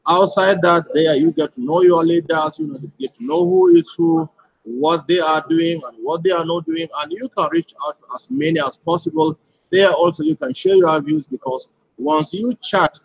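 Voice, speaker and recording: Husky man asking and answering himself. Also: a little high, rough recording. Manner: repetitive rhetorical questions answered at once. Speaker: community leader giving a live broadcast. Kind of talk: explanatory live broadcast talk.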